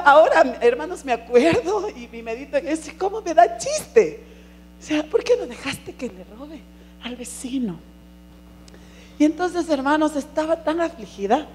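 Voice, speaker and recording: A middle-aged woman giving an earnest church testimony, calling listeners brothers and swinging from hushed to emphatic. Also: a little high, slight background noise. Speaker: congregation member giving testimony.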